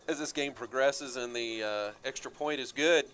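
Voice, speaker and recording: A man's voice: medium pitch, moderate pace, faint music behind. Guy doing play by play for hs football radio, laid back, lots of uh's. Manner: chatty, relaxed, with frequent fillers. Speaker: play-by-play announcer. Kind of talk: high school football radio commentary.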